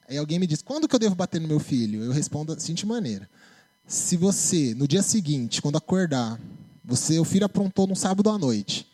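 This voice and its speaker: A man with a Brazilian Portuguese accent preaching a sermon in a church, talking in a conversational way and often asking "né?". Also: on the high side. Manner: conversational, animated preaching with tag questions. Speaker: preacher and psychologist.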